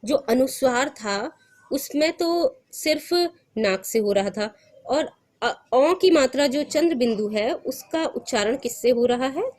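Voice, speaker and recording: A woman's voice: sits high, lively intonation, a little slow. A young woman teaching a recorded grammar lesson for children, patient, repeating points and asking the class questions. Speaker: school teacher.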